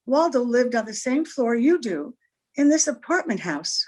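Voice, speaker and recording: An actress with a fairly high, darkish voice speaks at normal speed, very animated, as a mysterious, frightened, refined married woman in an old-time radio crime drama. She delivers her lines hesitantly, in a guarded, anxious mood.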